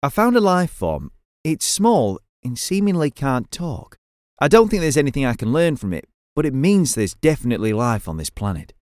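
A man's voice: medium pitch, sing-song, moderate pace, darkish tone, no room sound, clean studio sound, natural voice. A man voicing an earnest, curious adult space captain who talks in a raised, eager voice.

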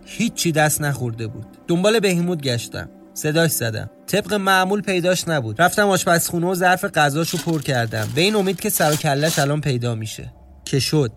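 A man reading his own first-person mystery horror story in a measured, tense storytelling voice. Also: a little high. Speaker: narrator and writer. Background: faint music.

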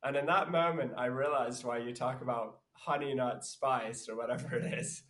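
A man with a croaky voice from being sick, chatting casually as a podcast co-host with mock-dramatic, boastful storytelling. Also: mid-range voice, steady tone, normal speed, fairly bright tone.

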